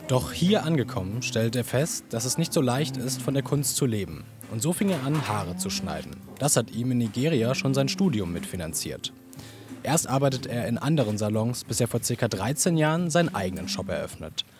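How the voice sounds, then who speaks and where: A man reading a scripted news report as a voice-over in an even, measured way. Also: medium pitch. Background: music.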